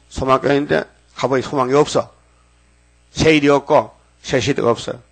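An older man delivers a sermon with a gravelly, mid-pitched voice. He speaks emphatically and folksily, often pausing for rhetorical asides to his listeners. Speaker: preacher.

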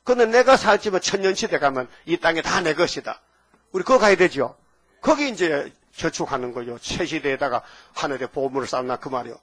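Emphatic preacher with lively pitch swings. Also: male voice, brisk. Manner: emphatic, questioning the congregation, swinging between loud outbursts and low asides. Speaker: pastor. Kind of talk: sermon.

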